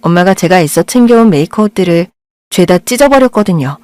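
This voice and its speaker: A woman's voice: on the low side, animated, brisk, a little mellow, no room sound. Reflective woman narrating a story. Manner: reflective, confessional.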